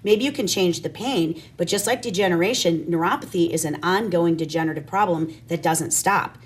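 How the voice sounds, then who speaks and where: A woman's voice: lowish voice, fairly quick, husky. A woman guest telling an emphatic, anecdotal personal testimonial in an interview.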